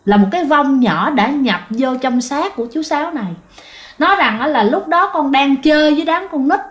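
A woman's voice: high voice, animated, moderate pace. A woman hosting a ghost story show, narrating in a chatty way and talking straight to her listeners. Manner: chatty, addresses listeners directly.

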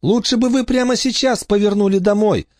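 Guy playing a little girl, super high light voice, kinda doubtful. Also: brisk, dry recording, clean studio sound, natural voice. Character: young girl Olivia, cautious and doubting.

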